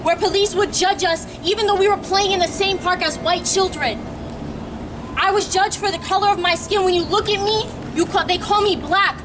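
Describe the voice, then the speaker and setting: A teenage girl from New York giving an earnest, emphatic protest speech outdoors, sometimes pausing and restarting mid-sentence. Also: very high-pitched. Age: late teens. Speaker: student rally speaker. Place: outdoor plaza at a street rally. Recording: distant outdoor mic, crowd and traffic noise. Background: crowd cheering, traffic.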